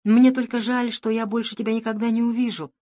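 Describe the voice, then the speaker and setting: Woman voicing a gentle talking rag doll. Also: fairly high pitch, flat delivery, brisk, pitched above the performer's own voice, natural voice. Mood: tender. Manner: soft, patient, pleading.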